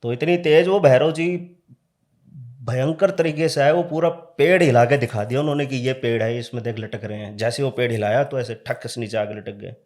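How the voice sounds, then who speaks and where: A man's voice: mid-range voice, moderate pace. Casual man telling a ghost story. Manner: casual, animated storyteller who acts out dialogue. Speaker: tantric practitioner, podcast guest. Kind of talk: telling a true horror story on a podcast.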